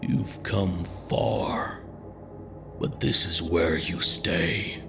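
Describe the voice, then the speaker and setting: A man voicing an unseen, menacing presence that haunts a cabin, in a whispered role-play that is low and almost soundless. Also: creaky, over music, full character voice. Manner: slow, ominous, distant.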